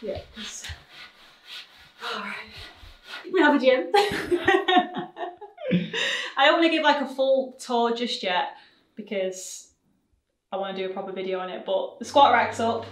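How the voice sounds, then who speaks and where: A woman's voice: fairly high pitch, a little slow, pauses often. A young woman vlogging casually, chatty and laughing as she builds her home gym. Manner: chatty, laughing, swears under breath while building. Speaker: vlogger, personal trainer. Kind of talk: casual vlog chat. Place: basement home gym with bare brick walls. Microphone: camera on a tripod across the room. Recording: echoey room, camera far off, light music.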